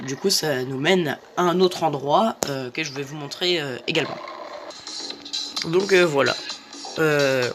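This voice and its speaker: A young man giving casual commentary on a video game as he plays, hesitant and full of fillers. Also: a little high. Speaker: gaming youtuber. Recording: game music behind.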